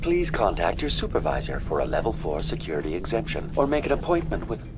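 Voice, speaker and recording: A man voicing a calm, polite computer terminal AI in a video game, speaking in a formal, bureaucratic way. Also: deep voice, fast talker, background noise, exaggerated voice. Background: game music.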